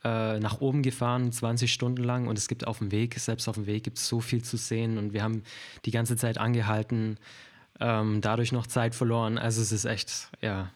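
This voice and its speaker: A man from Germany chatting as a guest on a casual podcast, his voice sitting at an ordinary middle pitch. He hesitates often, backing up and restarting his sentences as he explains his work. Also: little pitch movement, moderate pace, darkish tone. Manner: hesitant, many fillers and restarts.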